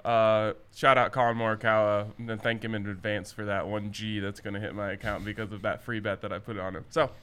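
A man's voice: on the low side, little pitch movement, fairly quick, hardly any pauses, a bit bright, clean tone. A man hosting a sports betting show in a casual, chatty style.

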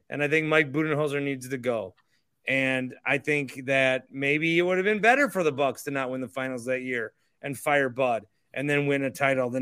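Drunk, bright-voiced man ranting. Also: fairly high pitch, dry recording, clean studio sound. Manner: profane, exasperated, rambling. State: drunk, tipsy. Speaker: host of a sports fan livestream. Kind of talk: rambling livestream rant about basketball.

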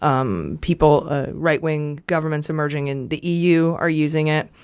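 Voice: medium pitch, normal speed, smooth, no echo, studio quality. Wry, sarcastic podcast host. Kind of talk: casual political news chat.

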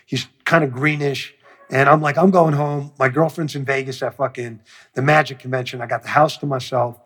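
Male producer, husky voice, profane storyteller who acts out the quotes. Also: mid-range voice, steady tone, brisk, fairly bright tone. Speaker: music producer. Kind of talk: storytelling interview.

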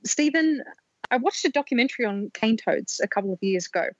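A woman's voice: a little high, lively intonation, fairly quick, slightly rough, no echo. A woman with an Australian accent co-hosting a podcast, interviewing in a hesitant, conversational way. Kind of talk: casual interviewing. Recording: dull, dry lo-fi sound.

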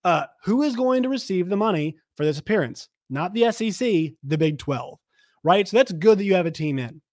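A man hosting a sports show, giving emphatic commentary to viewers in a slightly hoarse voice and repeating his points. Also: high-pitched, expressive, fairly quick, darkish tone, no room sound, studio quality.

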